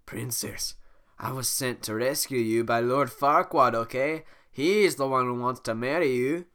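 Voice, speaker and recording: A sick-sounding reader voicing a gruff, blunt ogre. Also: mid-range voice, unhurried, fairly bright tone, close to an everyday voice. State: sick, hoarse throat.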